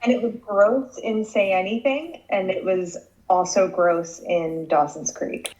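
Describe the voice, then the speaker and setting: A woman guest on a podcast, chatting casually and making relaxed, wry remarks. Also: mid-range voice, a little slow. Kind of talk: casual chat. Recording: echoey, dull lo-fi sound.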